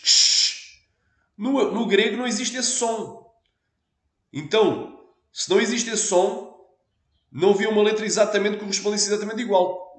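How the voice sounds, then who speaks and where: A man's voice: high voice, a bit bright, roomy sound. A man with a European Portuguese accent, a pastor explaining a point patiently in a teaching sermon and asking his listeners for assent.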